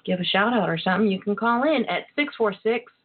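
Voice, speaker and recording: A woman's voice: mid-range voice, lively intonation, fairly quick, slight background noise. Female radio host, flirty and coquettish, lingering on words, heard through a tinny phone-quality line. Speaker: radio talk show host. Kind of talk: flirty casual radio monologue. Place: internet call-in radio show over a phone line.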